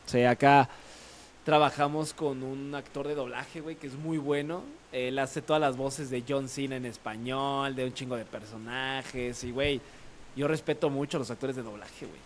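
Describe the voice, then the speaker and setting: A man's voice: mid-range voice, fairly even intonation, moderate pace, a little hiss or hum. A man co-hosting a podcast in casual chat, slangy and swearing freely. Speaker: podcast co-host.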